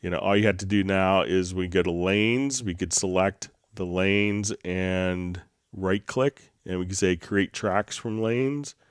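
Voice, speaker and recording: A man hosts a casual software tutorial stream in a very deep, magnetic low voice. The tone is smooth and resonant, with a slight cold, and he explains things in a halting, laid-back way. The sound is dry and close to the microphone. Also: dry recording. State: getting over a slight cold. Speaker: livestream host answering software questions. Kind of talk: casual tutorial livestream talk. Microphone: close microphone straight into mixer.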